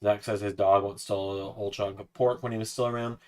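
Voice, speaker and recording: A man's voice: on the low side, little pitch movement, a little fast. A man in his twenties chatting casually on a livestream, talking to his cat in a coaxing sing-song voice. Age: 20s. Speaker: streamer.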